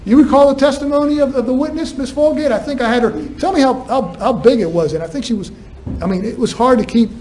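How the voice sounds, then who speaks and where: High-voiced prosecutor, echoey courtroom. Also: male voice, fast talker, darkish tone. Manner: argumentative, fires rhetorical questions at the jury. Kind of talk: courtroom closing argument. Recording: echoey courtroom, distant mic, faint room noise.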